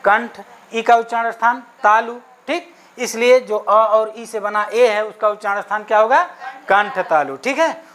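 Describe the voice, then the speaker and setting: This Sanskrit exam-prep teacher is a man whose voice is high and slightly bright. He answers the questions he asks, peppers the lesson with "okay," and pronounces sounds separately one after another.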